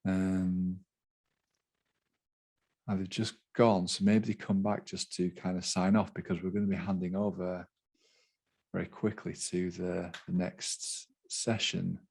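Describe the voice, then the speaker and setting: Male event host on a video call, very low voice, casual and loose. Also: flat delivery, measured pace, vocal fry, darkish tone, slightly rough. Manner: loose, filler-heavy talk. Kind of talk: casual live-stream hosting.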